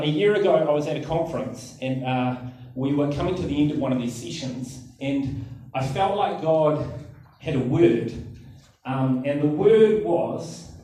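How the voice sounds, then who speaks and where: A man's voice: fairly high pitch, dark tone. A man preaching a sermon, telling a personal story in a chatty, self-mocking way with lots of fillers. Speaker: pastor. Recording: echoey hall, distant mic.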